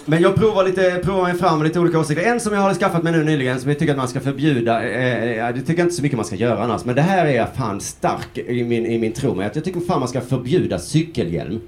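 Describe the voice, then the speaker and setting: A man's voice: mid-range voice, lively intonation, hardly any pauses. A man in his forties doing a stand-up comedy set on stage, rambling loosely, swearing and slipping into mock voices. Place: comedy stage before a laughing audience. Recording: live crowd laughter behind.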